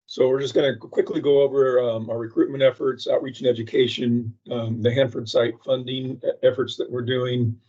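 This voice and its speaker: A man's voice: medium pitch, level tone, mellow. Muffled man on a remote call. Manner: speaks in halting bursts with many fillers and restarts. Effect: muffled, as if heard through a wall. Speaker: state agency presenter at a public meeting. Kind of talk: presenting a slide update. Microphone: remote call microphone with a patchy connection.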